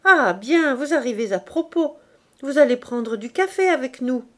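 A woman's voice: sits high, lively intonation, moderate pace, a bit bright, voice pushed up. A woman reading aloud voices a busy laundry owner woman, speaking in a raised, emphatic voice. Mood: welcoming.

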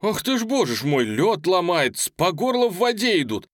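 A man voicing an excitable officer who exclaims over the battle he watches. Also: medium pitch, normal speed, dry recording, clean studio sound, natural voice. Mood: elated. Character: excitable middle-aged officer watching through binoculars.

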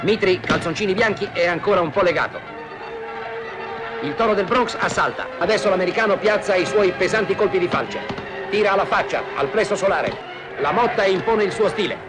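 A man's voice: sits high, a little fast, over music. A man narrating an old newsreel soundtrack in punchy, declamatory 1950s commentary style. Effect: old newsreel soundtrack played back. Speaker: newsreel announcer.

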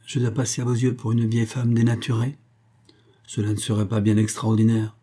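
A man's voice: lowish voice, monotone, a little fast, dark tone, slightly rough. A man reading a storybook aloud, voicing a cunning, spiteful old grandmother who coaxes and wheedles. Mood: wheedling. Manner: wheedling, calls everyone dear.

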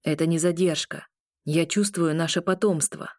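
A woman's voice: low-pitched, fairly even intonation, moderate pace, dry recording, studio quality, close to an everyday voice. A woman voicing a protective, stubborn male werewolf who speaks in firm, growled declarations.

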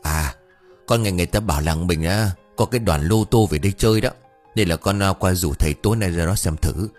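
A man voicing a cheeky, gossipy young village man who talks high and whiny, speeding up when upset. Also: brisk, soft background music. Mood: chatty.

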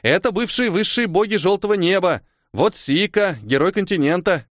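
An eager, clumsy young boy who exclaims everything, voiced by a male audiobook reader. His pitch jumps well above an adult's speaking voice and swings widely. The recording is dry and close. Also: expressive, moderate pace, fairly bright tone, no echo. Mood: excited. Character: excitable clumsy rich boy, talkative. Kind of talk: audiobook character voice.

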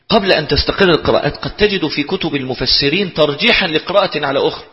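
A man with an Egyptian accent teaching a class, explaining points and posing rhetorical questions that he then answers himself. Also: on the high side. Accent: Egyptian Arabic. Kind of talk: lecture explaining a text. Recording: lo-fi recording in a reverberant hall.

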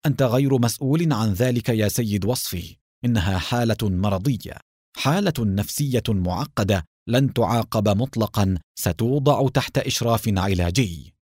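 A composed police captain, read by a man narrating reasons aloud in a calm, even-paced manner with a lively melody. The voice sits close in a dry recording. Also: mid-range voice, dry recording, natural voice. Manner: calm and measured.

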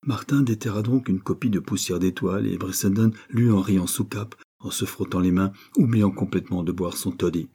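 A man narrating a novel as an audiobook, in a measured, subdued husky voice. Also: sits low, warm tone.

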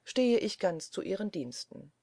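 A woman's voice: medium pitch, very animated, a little slow, creaky, warm tone, dry recording, heavily acted. A woman doing a cheerful young traveler.

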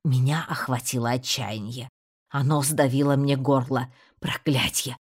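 Woman reading a story aloud, really low voice, husky. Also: steady tone, a little slow. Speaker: audiobook narrator. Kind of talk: scripted narration.

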